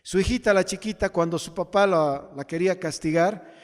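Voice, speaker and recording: A man's voice: high-pitched, moderate pace, in a large hall. A man preaching a sermon as pastor, asking the congregation rhetorical questions.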